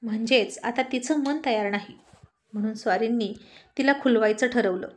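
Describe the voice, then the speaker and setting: A woman narrating a serialized romantic story in a steady, intimate storytelling manner. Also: fairly high pitch, normal speed.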